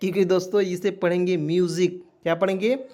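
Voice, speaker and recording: High-voiced man teaching spelling. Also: moderate pace, darkish tone. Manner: repeats questions to viewers, spells words letter by letter. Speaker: English teacher. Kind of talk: spoken lesson.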